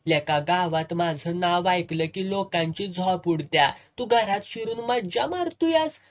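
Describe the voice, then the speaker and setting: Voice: mid-range voice, expressive, unhurried. A storyteller voicing a swaggering village chairman with a rural Marathi accent, making threats. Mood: threatening.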